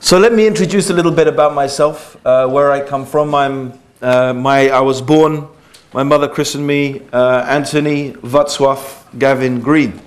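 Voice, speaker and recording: Man, 40s, relaxed lecturer, chatty with asides, mid pitch. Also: moderate pace. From England. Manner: conversational, full of fillers and asides. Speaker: Islamic lecturer. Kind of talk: informal religious lecture.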